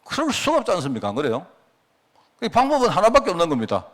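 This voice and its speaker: A man's voice: high-pitched, wildly swooping pitch, fast talker, fairly bright tone. A man pastor giving a midweek church sermon, pressing his listeners with constant rhetorical questions.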